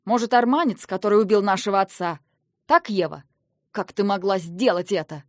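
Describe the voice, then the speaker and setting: A stern, weary young prince, read by a woman narrator who speaks in a firm, reasoning way. The voice sits at a middle pitch and is recorded close and dry. The storybook delivery is earnest and controlled. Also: normal speed, no room sound, close to an everyday voice. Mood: angry. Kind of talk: audiobook character reading.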